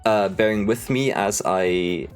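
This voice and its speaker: Young male streamer, lowish pitch, casual and sweary storyteller, music playing behind him. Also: measured pace, smooth. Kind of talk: casual livestream chat. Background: background music.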